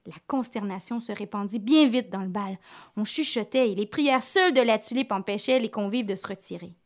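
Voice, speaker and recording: A woman reading a folk tale aloud with expressive storytelling. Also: mid-range voice, brisk. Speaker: narrator.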